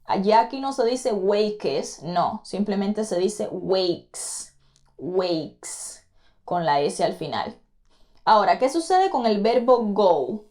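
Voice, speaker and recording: A woman's voice: medium pitch, sing-song, a little mellow. A woman teaching English pronunciation in an online lesson, patiently repeating each word and speaking directly to the student. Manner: patient, repeats words slowly to model pronunciation; addresses the student directly, encouraging repetition.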